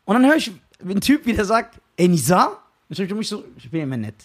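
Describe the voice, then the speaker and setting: Young male podcast co-host, high-pitched husky storyteller, animated delivery. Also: fast talker. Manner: animated storyteller, laughs often. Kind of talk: casual chat, storytelling.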